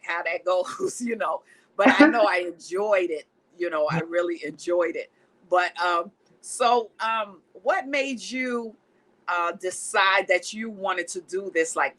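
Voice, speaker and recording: A woman's voice: lowish voice, a little slow, a bit bright, poor audio. A woman hosting a faith-based TV talk show, introducing and interviewing a guest with effusive praise.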